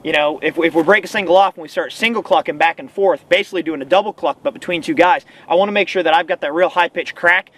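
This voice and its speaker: A man's voice: on the high side, fast talker, few pauses, fairly bright tone. A man giving casual, emphatic instruction as a hunting coach, often repeating phrases for stress. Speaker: goose-calling instructor and hunter. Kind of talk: casual instructional talk to camera. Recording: outdoor hum and faint vehicle noise.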